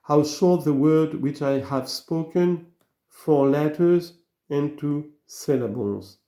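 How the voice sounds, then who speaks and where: Slow solemn man reading a sermon. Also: a little high, dark tone, echoey room. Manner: measured, earnest, rhetorical questions. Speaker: reader of sermons.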